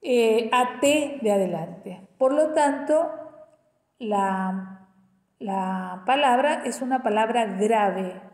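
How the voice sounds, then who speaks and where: Woman educational psychologist, patient step-by-step explainer, mellow tone, echoey recording. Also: fairly high pitch. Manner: explains step by step, often checks in with "¿sí?". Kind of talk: explanatory teaching talk. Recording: echoey room with long reverb.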